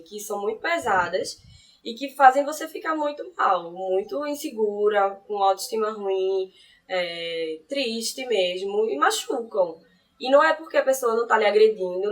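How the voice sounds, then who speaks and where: A young woman explains her view earnestly in a mid-range voice. She sits some distance from the mic, so her voice sounds a little remote. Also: mid-range voice. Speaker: interviewee. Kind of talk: reflective interview answer.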